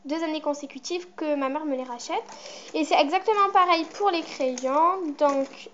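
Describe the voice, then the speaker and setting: A chatty teenage girl talking through a casual vlog in a high voice. She rambles and fills her pauses with hesitations. The recording is muffled and lo-fi, with faint hiss and clicks behind her. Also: a bit bright. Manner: chatty, rambling, with many fillers. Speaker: vlogger. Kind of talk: casual show-and-tell vlog.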